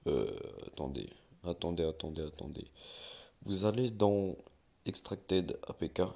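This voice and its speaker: A man's voice: sits low, lively intonation, measured pace, gravelly, darkish tone, slightly rough. A young man giving a casual, rambling screen-recorded tutorial, with many fillers and restarts as he walks viewers through steps.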